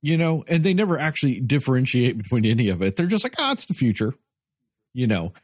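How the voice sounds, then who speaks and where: Fast-talking and lively, this podcast co-host has a mid-range, darkish voice. In casual movie review chat he rants sarcastically and swears without restraint. The studio-quality recording carries no room sound.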